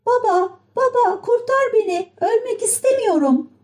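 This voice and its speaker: A woman voicing a small, eager wooden puppet boy in a high piping child's voice for a storybook reading. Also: animated, normal speed, warm tone. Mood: pleading.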